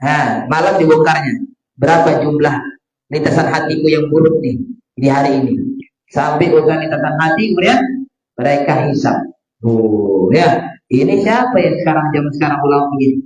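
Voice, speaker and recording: A man teaches a religious study lecture in a fairly high voice. He repeats points patiently, peppering them with "ya" and translating Arabic quotes. The sound is roomy and echoey. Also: normal speed, darkish tone. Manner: repetitive explaining with frequent "ya" fillers, quoting Arabic then translating. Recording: roomy echo.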